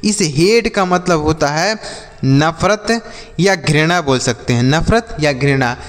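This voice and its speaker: A man with a fairly high voice teaches children English words. He asks the class a question, then answers it himself in a lower voice, and stretches the English example sentences out slowly. The recording carries a long reverb from the room. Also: lively intonation. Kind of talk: spoken vocabulary lesson for children.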